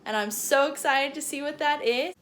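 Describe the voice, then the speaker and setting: A woman's voice: sits high, normal speed, fairly bright tone. A young woman chatting casually in a home vlog, playful and laughing often. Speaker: vlogger.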